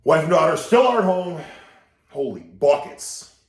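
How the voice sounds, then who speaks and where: A man's voice: fairly high pitch, very animated, unhurried, a little hiss or hum. A man who is losing his voice, chatting to camera in a loose, blunt way with mild swearing, from a room at home. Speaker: fitness YouTuber reacting to a video. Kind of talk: casual rambling chat to camera. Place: indoor room at home with a TV behind him. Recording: roomy echo.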